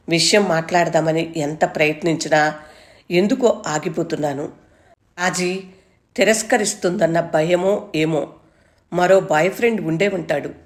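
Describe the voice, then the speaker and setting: A woman storyteller reading a first-person story aloud in a calm, measured way. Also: fairly low pitch.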